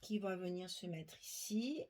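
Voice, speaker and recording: A crafting tutorial host, a middle-aged woman, shows a project step by step at her worktable while chatting and making asides to viewers. Her voice is on the low side with a darkish tone and lively intonation, and her pace is a little slow.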